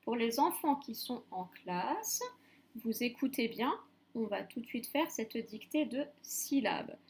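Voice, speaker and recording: Slow, clear-voiced woman teacher. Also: a little high, lively intonation, slight background noise. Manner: slow, clear dictation, repeating each syllable. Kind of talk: phonics lesson for young children.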